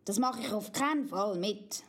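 A woman with a Swiss German accent voicing a big green male dragon, blunt and carefree, in a storybook reading, with a gruff manner that scorns rules. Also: medium pitch, moderate pace, lightly acted. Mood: indignant.

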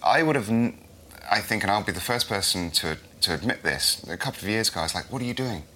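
Male panel guest, deep crisp-edged voice, reflective yet emphatic, faint background noise. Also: expressive, fast talker, pushed and bright. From Scotland. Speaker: podcast guest, cycling pundit. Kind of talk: casual panel chat.

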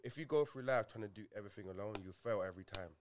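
Male podcast co-host, London roadman accent, very quick delivery, slangy and emphatic, hammering points through repetition. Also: fairly low pitch, a little hiss or hum. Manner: repeats and rephrases points emphatically, heavy slang.

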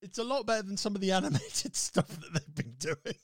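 A man's voice: high-pitched, animated, a little fast, no room sound, studio quality. Chatty man podcasting. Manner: chatty, laughs often, trails off and restarts. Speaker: podcast co-host. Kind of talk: casual chat.

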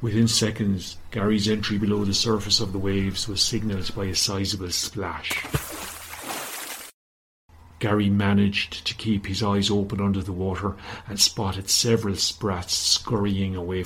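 A man narrating a children's story in a gentle, steady manner. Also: low-pitched, husky, rough recording.

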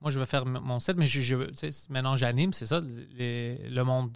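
A man's voice: mid-range voice, fairly even intonation, brisk, clean tone, no room sound, clean studio sound. A man speaking French with a Greek accent, a comedian hosting a casual podcast chat and slipping into English mid-sentence.

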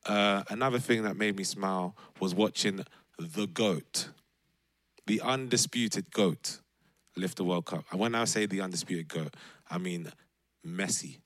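Low-voiced London man in easy chat. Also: unhurried, fairly bright tone, no room sound. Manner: laughs often, repeats words for emphasis. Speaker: podcast co-host. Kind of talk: casual chat among friends.

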